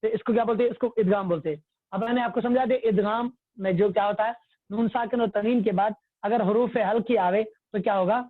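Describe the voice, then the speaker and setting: This tajweed teacher's voice sits high with a steady tone, and he patiently quizzes his online religious class, repeating himself and answering his own questions. The recording is dry and close, without echo, with the tinny quality of a phone-like call through a phone or computer mic on a video call.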